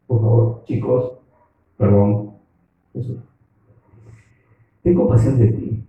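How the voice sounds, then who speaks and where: A man voicing the presumptuous apostle Peter, pleading in a low, wheedling way during a sermon. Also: steady tone, slow, narrow, tinny audio. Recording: echoey hall from far off.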